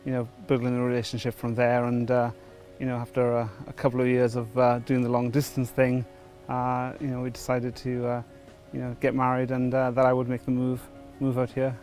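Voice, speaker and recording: Speaking a little fast with hardly any pauses, this middle-aged Welsh man delivers his pre-baptism testimony in a monotone, medium-pitched, slightly mellow voice. He's hesitant, full of fillers and restarts, and faint music plays behind him during the interview.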